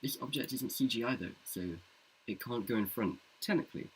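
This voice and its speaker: A man's voice: fairly quick, a little hiss or hum, rough recording. A man thinking aloud in a casual screen-recorded tutorial, chatty and self-mocking as he works through a scene. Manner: jokes in a deep movie-trailer voice. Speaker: CG artist showing his work. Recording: keyboard and mouse clicks behind.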